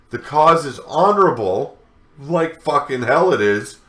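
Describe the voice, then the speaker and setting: A man's voice: mid-range voice, a bit bright, roomy sound. A man hosting a wrestling news show, delivering a scornful rant full of profanity. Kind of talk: ranting news commentary.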